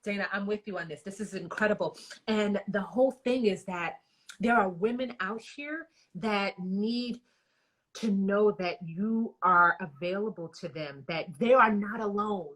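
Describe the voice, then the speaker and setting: A woman's voice: mid-range voice, measured pace, fairly bright tone. Emotional woman hosting an interview. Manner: emotional, rambling, with many restarts. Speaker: host. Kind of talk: interview host.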